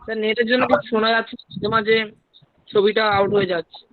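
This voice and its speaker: A man's voice: high-pitched, fairly even intonation, quick pace, no room sound. A male student speaking over a choppy online-call line with a bad connection, complaining to the teacher that he cannot hear. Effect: choppy online-call audio with a bad connection. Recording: tinny phone-like call line.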